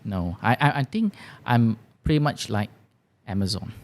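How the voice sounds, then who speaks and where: A male business founder with a Malaysian accent speaks in a low voice with plenty of gravelly creak. He answers interview questions conversationally, haltingly repeating words in loose, non-standard English grammar. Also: lively intonation.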